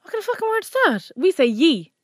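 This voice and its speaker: A woman's voice: very high voice, big pitch swings, fast talker, no echo, studio quality. A woman with a Cork Irish accent in casual, chatty banter, explaining slang and swearing freely. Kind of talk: casual chat about slang.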